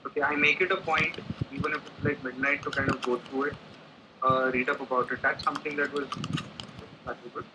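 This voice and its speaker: A man's voice: medium pitch, level tone, brisk. A man giving a client testimonial, heard through a laptop speaker on a call, hesitant and thinking aloud with many restarts. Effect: voice coming through a laptop speaker on a call. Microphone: laptop on a remote call. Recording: muffled lo-fi call audio with background noise.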